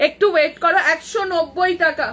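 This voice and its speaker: A woman running a live clothing sale, briskly calling out prices over and over and chatting with helpers and viewers through an earbud mic. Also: extremely high pitch, steady tone, fairly bright tone, slight background noise. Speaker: boutique owner selling clothes live. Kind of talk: live sales patter.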